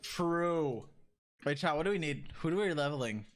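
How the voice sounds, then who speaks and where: Guy streaming a game, high voice all over the place, teasing chat and cursing a lot. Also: normal speed, faint music behind. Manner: excitable and teasing, swears often, jumps between joking shouts and mutters. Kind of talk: casual livestream chat with viewers.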